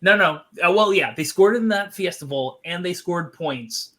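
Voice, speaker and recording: A man's voice: high voice, lively intonation, normal speed, sharp tone. A man co-hosting a casual sports podcast, hesitant and full of fillers. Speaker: podcast co-host.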